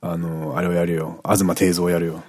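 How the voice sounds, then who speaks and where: A man's voice: deep voice, level tone, normal speed, darkish tone. A middle-aged man co-hosting a radio show, chatting casually, laughing often and rambling off into asides.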